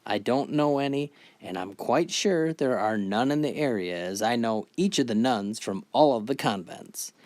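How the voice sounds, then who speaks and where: A prim, firm Mother Superior, as a man acts her out in a joke story. The delivery is slow and measured, politely insistent, and close to the teller's own voice. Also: medium pitch, expressive, darkish tone, dry recording, natural voice.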